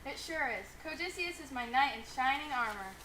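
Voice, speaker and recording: A woman's voice: high voice, animated, a little fast. A woman playing a prim, haughty young wife in an amateur comedy skit, speaking in a clipped, disdainful way. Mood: smug. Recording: roomy echo, faint noise.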